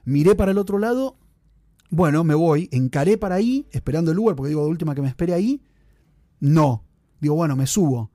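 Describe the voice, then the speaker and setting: A man's voice: fairly high pitch, expressive, a little fast, mellow, dry recording, studio quality. A man co-hosting a casual chat, telling long rambling confessional stories. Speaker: podcast co-host.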